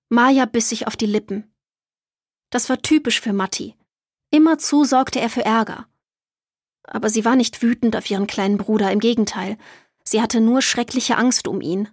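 Expressive female storybook narrator, slightly high, dry booth sound. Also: no room sound. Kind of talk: children's audiobook narration.

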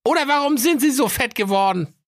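A woman's voice: sits high, lively intonation, brisk, no echo, clean studio sound. A woman voicing a cheeky young fairy-tale maiden in a sassy, mocking way.

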